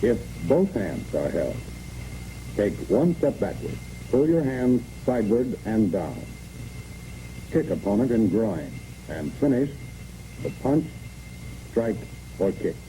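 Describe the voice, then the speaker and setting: Heard on a muffled, noisy 1960s soundtrack, an American training film narrator issues clipped military instructions step by step from a script. His dark voice sits on the low side, very animated yet slow, with long pauses.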